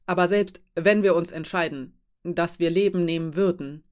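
A woman reading an audiobook voices a huge, calm female ship captain who gives orders in a factual, firm tone. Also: on the low side, moderate pace, smooth, close to an everyday voice. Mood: calm, commanding. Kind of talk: audiobook character voice.

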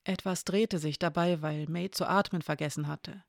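A narrator reading a story aloud in a calm, measured way. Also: medium pitch, no echo, clean studio sound. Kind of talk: audiobook reading of an intimate story.

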